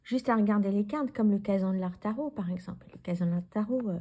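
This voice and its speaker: A woman's voice: medium pitch, fast, mellow, muffled recording. A woman in her forties from France, chatting casually to the viewer as she shows her tarot decks, rambling with many fillers and restarts. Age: 40s. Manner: talks to the viewer directly, handling cards. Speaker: tarot YouTuber. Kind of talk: casual deck review vlog.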